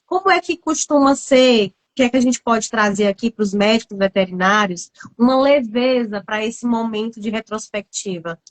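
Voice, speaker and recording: Affirming Brazilian woman host, higher voice. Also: animated, normal speed, few pauses, low-quality recording. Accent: Brazilian Portuguese. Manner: affirming, brief backchannels then open questions. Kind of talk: live-stream interview.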